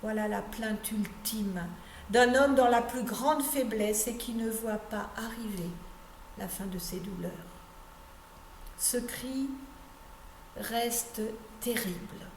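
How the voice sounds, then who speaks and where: A woman pastor giving a measured meditation on a psalm, stressing key phrases and letting her voice drop at the ends of sentences. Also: on the high side. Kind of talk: slow meditative sermon reading. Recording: echoey room with faint background noise.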